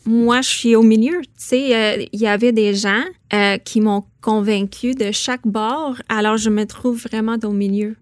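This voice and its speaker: A woman's voice: on the high side, steady tone, a little slow, few pauses, no room sound, clean studio sound. A woman from Saskatchewan, a guest author in a radio interview, talking thoughtfully with many hesitations. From Saskatchewan, Canada.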